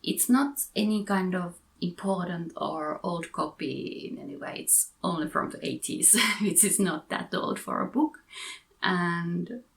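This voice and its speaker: Unhurried and gravelly yet a bit bright, this fairly low female voice belongs to a book vlogger from Finland. She chats about her latest book haul in a Finnish accent, fixing her own wording mid-sentence and giggling in little asides.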